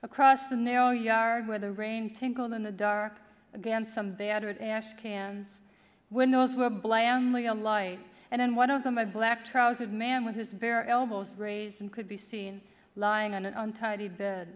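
Woman, expressive live fiction reader, slightly high pitch, long hall reverb. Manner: measured, expressive reading with quoted dialogue. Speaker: author reading aloud. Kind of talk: literary reading. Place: large hall, live event.

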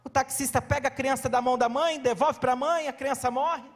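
A man in his forties preaching a sermon in a church, telling a story with animation and breaking into shouts. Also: extremely high pitch, fairly even intonation, normal speed. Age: 40s. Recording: long church reverb.

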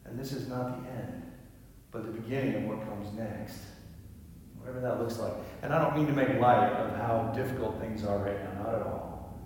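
A man preaching a sermon as pastor, gentle and reflective, often dropping to a soft, quiet voice. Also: fairly low pitch, moderate pace, slight background noise. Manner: gentle, reflective, drops to quiet near-whispers. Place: large church sanctuary. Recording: echoey hall, voice from far off.

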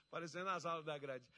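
A man from Minas Gerais preaching a sermon, acting out quotes with loud shouts and poking fun at himself. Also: on the high side. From Minas Gerais, Brazil. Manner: self-mocking, laughs at himself.

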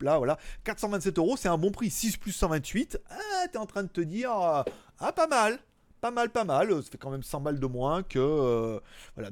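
Guy doing his daily tech show, rambly and slangy, kinda high voice, dry close sound. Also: no room sound. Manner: chatty, rambling, slangy asides. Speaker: tech YouTuber host. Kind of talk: casual chat.

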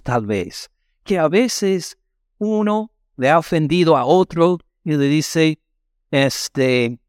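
A man's voice: fairly high pitch, clean tone, no echo, studio quality. A man preaching a sermon as a pastor, speaking emphatically and asking the congregation rhetorical questions. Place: church.

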